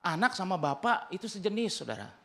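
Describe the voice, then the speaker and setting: A man's voice: high-pitched, very animated, quick pace, fairly bright tone. A male pastor with an Indonesian accent, preaching a sermon in a conversational, humorous way and acting out the dialogue he quotes.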